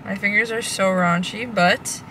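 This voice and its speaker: A woman's voice: medium pitch, fairly even intonation, a little slow, sharp tone, slight background noise. A young woman chatting casually as a fitness vlogger, talking to a handheld camera on a stick in a bubbly, chatty way. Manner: bubbly, chatty, says "super" and "literally" a lot. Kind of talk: casual vlog.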